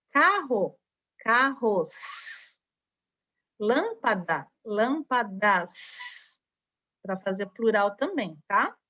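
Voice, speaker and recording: Slow, high-voiced Brazilian teacher. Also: female voice, pushed and bright. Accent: Brazilian Portuguese. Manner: patient, spells out syllables, frequent tag questions. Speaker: primary school teacher. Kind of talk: recorded online lesson for children. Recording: dull lo-fi recording.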